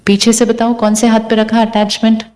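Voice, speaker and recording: A woman's voice: on the high side, completely flat delivery, normal speed, darkish tone. A woman giving a spiritual talk to a live audience, asking them questions and calling out words one by one. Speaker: spiritual speaker.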